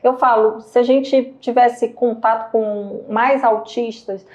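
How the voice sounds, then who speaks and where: A woman with a Brazilian Portuguese accent, a psychologist hosting a podcast, talking in a lively, casual way and acting out quotes with laughter. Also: fairly high pitch, slow, dull audio. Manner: animated, acts out quotes with laughter. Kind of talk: casual conversational interview.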